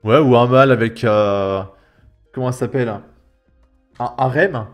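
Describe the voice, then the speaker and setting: Over background music, a young French YouTube commentator speaks at a medium pitch without hurrying. His casual reaction commentary is mocking, and his tone is sarcastic and exasperated.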